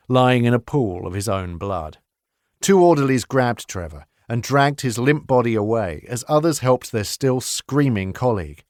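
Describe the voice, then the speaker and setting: A man reading a horror novel aloud in steady, measured audiobook narration. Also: on the low side, no echo, clean studio sound.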